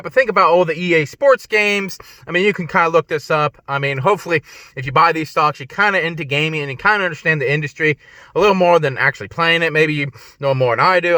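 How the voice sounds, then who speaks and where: Rambling man with a bright, dry voice. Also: on the high side, no room sound. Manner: rambling, frequent restarts and "but anyway". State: congested, clearing throat. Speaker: stock-picking video host. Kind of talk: casual rambling stock talk. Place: in a car on a windy day.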